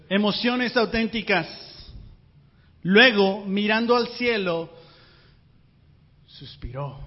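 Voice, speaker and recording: Male pastor, high-pitched, animated sermon delivery, recorded in a reverberant hall. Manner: animated, rhetorical questions to the congregation. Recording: muffled sound with long hall reverb.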